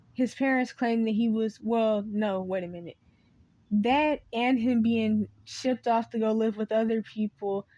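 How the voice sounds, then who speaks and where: Speaking straight to camera, a video creator delivers a meandering, unscripted monologue, often losing her train of thought and starting over. Her voice is a little high and a little mellow, and it cracks.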